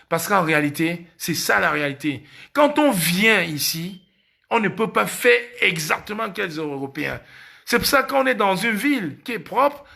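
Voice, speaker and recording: A Cameroonian man with a Cameroonian French accent speaks in a high, sharp and gravelly voice. He hosts a casual live stream and drives each point home by repeating it. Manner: emphatic, repeats key phrases.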